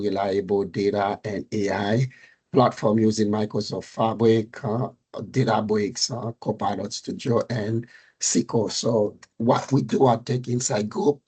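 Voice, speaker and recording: A middle-aged man from Haiti with a Creole and French accent, giving a technical presentation on a call, halting with many fillers, just getting over a cold. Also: fairly low pitch, darkish tone, husky. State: recovering from a fever and cold. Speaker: meetup speaker, data architect.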